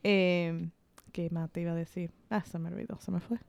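A woman with a soft-edged, mellow voice talks in a casual, informal way. Her slips into Spanglish with small English words. The sound is dry and close, with no room around it. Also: fairly low pitch, steady tone, normal speed, creaky, no room sound. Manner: Spanish with bits of English mixed in, Spanglish; informal, colloquial with mild swearing. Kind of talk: casual chat.

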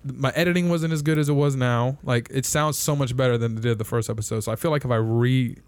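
A man's voice: mid-range voice, fairly even intonation, fast talker, no room sound. Young guy podcast host, rambly, swears a lot, laughs at himself, dry mic. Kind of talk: casual podcast chat.

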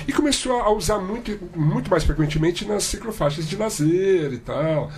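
A man's voice: high-pitched, animated, moderate pace, a little hiss or hum. A man from Brazil in a casual roundtable discussion, talking animatedly and mimicking other people.

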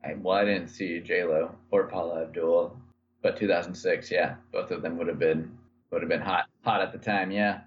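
A man co-hosting a podcast, telling stories in a relaxed way with plenty of fillers. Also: low-pitched, normal speed, muffled recording, slight background noise. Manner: relaxed storytelling with many fillers. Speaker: podcast co-host. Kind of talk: casual podcast chat.

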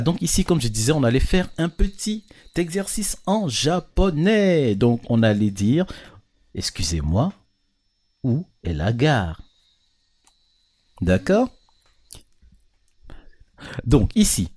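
With a dark, medium-pitched voice full of big pitch swings, a man leads a casual children's lesson on a handheld microphone at a moderate pace. He patiently explains and regularly asks whether they are following.

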